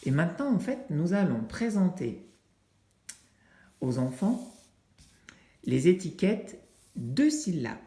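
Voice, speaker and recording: A teacher explaining a learning activity to parents in an unhurried way, pausing often with fillers while demonstrating with objects. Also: medium pitch, big pitch swings, mellow. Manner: unhurried, with frequent hesitations and fillers. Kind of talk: instructional video for families. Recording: roomy, echoey indoor sound.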